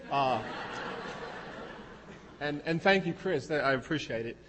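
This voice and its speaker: A man's voice: a little high, lively intonation, brisk, in a large hall, background noise. A man presenting a medical case in a put-on Australian accent, playful and hesitant with many fillers.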